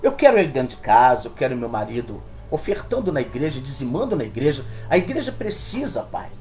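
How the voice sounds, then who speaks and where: A man voicing a devout wife who speaks to her husband in a low, firm, solemn way. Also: sing-song, brisk, darkish tone, soft background music, natural voice.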